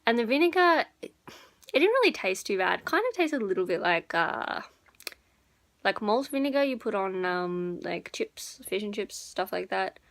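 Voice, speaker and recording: A woman's voice: mid-range voice, big pitch swings, normal speed, fairly bright tone. A young woman vlogger chatting informally to her viewers, rambling a little and correcting herself as she goes. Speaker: beauty and lifestyle vlogger. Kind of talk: casual chat to viewers.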